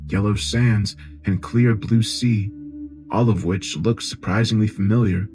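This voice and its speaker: Low-voiced man narrating horror. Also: steady tone. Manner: measured, grave. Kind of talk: scripted horror story narration. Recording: music playing behind.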